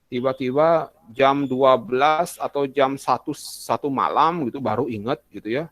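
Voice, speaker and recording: A man's voice: mid-range voice, normal speed, a bit bright, no room sound. A young adult male teacher giving a casual classroom lesson, chatty and full of examples, often acting out short student messages.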